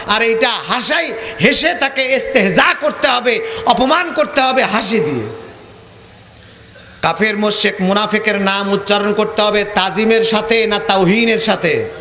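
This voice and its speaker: A man with a high voice and a colloquial Bangladeshi accent preaches a sermon. He tells stories and mocks the people in them by acting out their lines. The room echoes, with a faint hiss of noise behind him. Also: bright, forceful tone. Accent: colloquial Bangladeshi Bengali. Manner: storytelling with acted dialogue and mockery.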